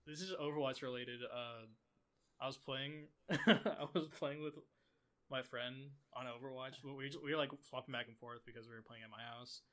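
A man's voice: medium pitch, moderate pace, a bit bright. A young man co-hosting a casual podcast chat, rambling through stories and laughing often. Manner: rambling, laughs a lot while telling stories. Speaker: podcast co-host.

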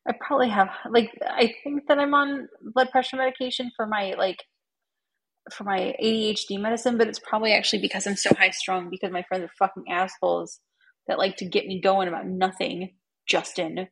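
A woman co-hosting a podcast, ranting in an excitable, self-aware, exasperated way during casual chat. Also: mid-range voice, a little fast, husky, poor audio. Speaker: podcast co-host.

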